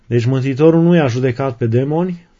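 An Orthodox preacher reads sayings of the desert fathers in a sermon, then retells and explains each passage with fillers and restarts. His delivery is warm and low-key, with pauses, and the recording is slightly muffled.

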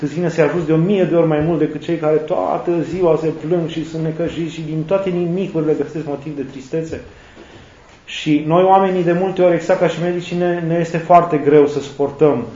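A priest giving a sermon, slow and reflective, listing words one by one. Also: male voice, a little high, steady tone, warm tone. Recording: echoey, dull lo-fi sound.

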